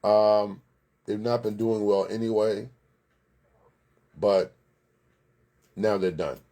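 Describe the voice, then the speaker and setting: A man's voice: lowish voice, steady tone, takes it slowly, dark tone. A man hosting a local sports recap, chatting casually, giving blunt opinions and greeting viewers by name. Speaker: sports show host. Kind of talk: casual live sports commentary.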